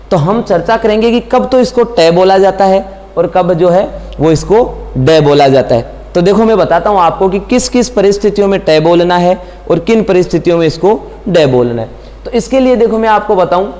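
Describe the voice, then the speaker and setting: A man's voice: sits high, darkish tone, in a large hall. A man teaching English grammar to students, often asking a question and then answering it himself. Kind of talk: classroom grammar lesson.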